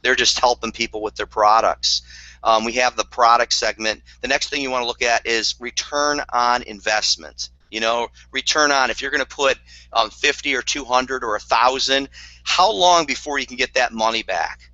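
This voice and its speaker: Guy pumping up his downline, really bright sharp voice, repeats himself a lot, bit sarcastic, muffled lo-fi sound. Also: medium pitch, normal speed, no room sound. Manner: earnest, repetitive, with dry sarcastic asides. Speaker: network marketing leader. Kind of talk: motivational sales talk. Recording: dull lo-fi dry recording.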